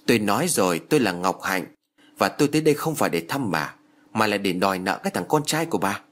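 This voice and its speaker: A man's voice: on the low side, lively intonation, quick pace, fairly bright tone. A man voicing a menacing young woman, who speaks in a harsh, commanding, snarling way. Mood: stern.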